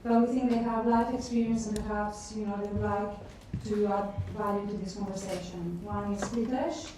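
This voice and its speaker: A woman's voice: medium pitch, fairly even intonation, normal speed, background noise. A woman moderating a university careers panel, inviting questions from the audience. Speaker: event moderator. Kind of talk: hosting a panel discussion. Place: university lecture theatre. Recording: echoey lecture theatre from far off.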